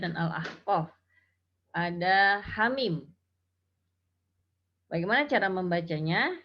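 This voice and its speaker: Woman tajwid teacher, talks slow n patient, chants the examples, kinda muffled audio. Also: lowish voice. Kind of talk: Quran recitation lesson. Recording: dull lo-fi audio.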